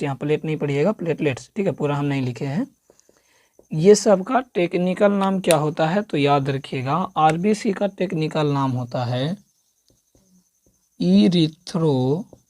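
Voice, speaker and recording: A man's voice: fairly high pitch, warm tone, no room sound. Man teaching exam drills, dry. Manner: quizzes the listener with repeated questions and drills the answers. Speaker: coaching teacher. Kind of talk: exam-prep classroom lecture.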